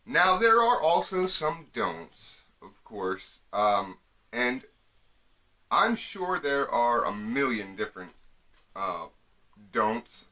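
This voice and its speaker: Young guy doing a jokey advice bit to camera, bright voice, pitch bouncing everywhere. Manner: animated, jokey, slips into mock women's voices. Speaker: comedy vlogger. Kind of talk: comic advice monologue to camera.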